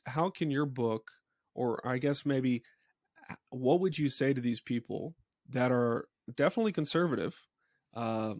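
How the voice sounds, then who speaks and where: A man's voice: mid-range voice, darkish tone, no echo, clean studio sound. A man from the United States, a pastor hosting a podcast, speaking in a friendly, plain way and asking long winding questions. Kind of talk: conversational podcast interviewing.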